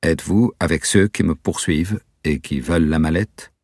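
A man's voice: very deep voice, moderate pace, darkish tone, husky, no echo, clean studio sound, heavily acted. A man voicing a wary, paranoid young man. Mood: suspicious. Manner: guarded, hesitant, tense. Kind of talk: audiobook character voice.

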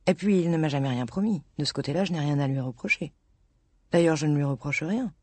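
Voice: mid-range voice, quick pace, a little mellow, no room sound, close to an everyday voice. A reader voicing a wistful woman in her thirties in love with a married man, in a rueful, self-mocking, confiding audiobook reading.

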